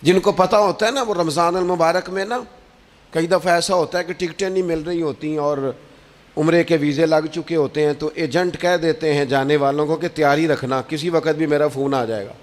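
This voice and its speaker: A man's voice: fairly high pitch, fairly even intonation, normal speed. A man preaching a sermon with an emphatic, rising and falling cadence. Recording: long hall reverb.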